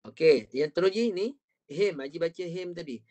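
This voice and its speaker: Man, Malaysian Malay accent, Quran recitation teacher, slightly high voice, patient, video call. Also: a little fast, warm tone. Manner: patient, models syllables and has the student repeat them. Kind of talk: online Quran reading class.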